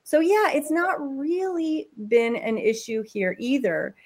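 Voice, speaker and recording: A woman guest on a podcast, chatting casually and telling animated stories about her kids. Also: high voice, slow pace. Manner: animated storyteller, acts out voices. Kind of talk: casual chat.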